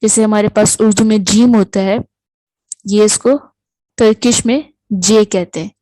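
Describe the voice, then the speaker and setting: A woman's voice: mid-range voice, steady tone, warm tone, dry recording, rough recording. A woman teaching the alphabet of a new language, patiently saying each letter sound and repeating it. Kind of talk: alphabet lesson, slow explanation.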